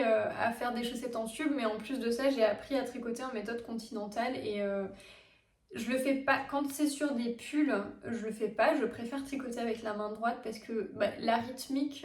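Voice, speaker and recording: A woman's voice: fairly high pitch, distant mic. A woman hosting a knitting vlog, chatting casually with many fillers and restarts. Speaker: knitting podcast host. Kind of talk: casual show-and-tell vlog. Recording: echoey room, mic set back.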